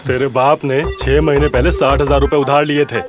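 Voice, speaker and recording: A man's voice: medium pitch, little pitch movement, normal speed, lightly acted. A man playing a menacing moneylender thug. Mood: threatening. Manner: threatening, taunting. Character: menacing male moneylender thug, adult, threatening. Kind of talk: Hindi film dub. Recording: film soundtrack with loud music.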